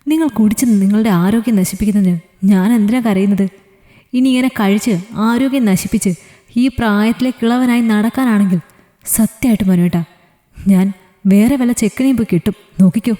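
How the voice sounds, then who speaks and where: A woman's voice: mid-range voice, brisk, mellow, close to an everyday voice. A woman storyteller voicing a strict young woman who scolds and teases her fiancé. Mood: scolding. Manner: scolding, teasing. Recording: reverberant echoey room.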